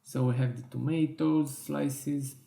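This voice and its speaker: A man teaching a software design tutorial in slow, step-by-step instructions with small self-corrections, his voice worn and going hoarse. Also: medium pitch, fairly even intonation, reverberant. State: losing his voice. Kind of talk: screen-recorded software tutorial.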